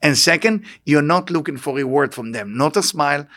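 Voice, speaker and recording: Here the Israeli-accented man talks briskly in a somewhat high, slightly bright voice. As a spiritual teacher in front of a live audience, he tells anecdotes in an inspirational talk, stressing his points and repeating short phrases.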